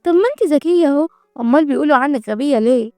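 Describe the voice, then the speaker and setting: A woman's voice: high-pitched, racing, darkish tone, no room sound, studio quality, soft background music. A woman with an Egyptian accent voicing a guarded young male doctor who speaks in a clipped, restrained way. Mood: cold. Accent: Egyptian Arabic.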